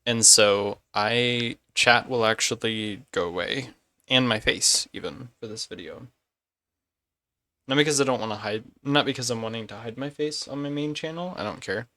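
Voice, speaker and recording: A man's voice: medium pitch, moderate pace, pushed and bright, dry recording. A man streaming a game and chatting casually, rambling and correcting himself as he goes. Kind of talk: casual live-stream chat.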